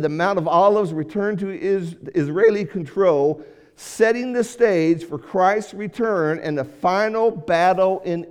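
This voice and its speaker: A man preaches to a congregation in a relaxed, conversational way. He doubles back on phrases as he talks. His fairly high voice carries a long hall reverb from the church room. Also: clear, resonant tone. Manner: conversational, repeats and restarts phrases. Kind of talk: sermon lesson to a congregation. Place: church auditorium.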